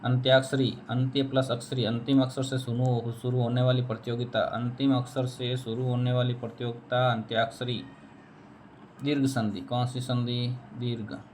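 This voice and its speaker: A man's voice: mid-range voice, little pitch movement, moderate pace, a little mellow, slight background noise. A man teaching a spelling lesson, repeating each word and answering his own questions. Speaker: Hindi teacher.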